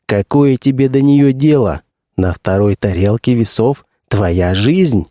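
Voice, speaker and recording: A man's voice: mid-range voice, lively intonation, slow pace, mellow, no echo, clean studio sound. A man reading an audiobook voices a harsh, commanding female gang leader who barks contemptuous orders. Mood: mocking.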